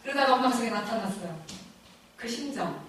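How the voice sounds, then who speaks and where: A middle-aged woman giving a personal faith testimony at a church lecture, telling her story in an animated, emotional way and laughing often. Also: fairly high pitch, a little fast, very echoey, distant mic, a little hiss or hum, poor audio.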